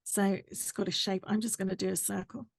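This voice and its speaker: Gravelly woman teaching drawing. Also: mid-range voice, flat delivery, fairly quick, no room sound, clean studio sound. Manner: step-by-step, chatty explaining while drawing. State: losing her voice. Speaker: art tutor. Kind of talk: drawing tutorial.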